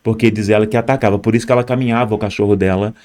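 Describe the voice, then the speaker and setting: A man's voice: on the low side, steady tone, racing, a little mellow. A young man tells his own story as an immigrant, speaking straight to viewers and pointing at footage on screen. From Brazil. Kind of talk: personal storytelling.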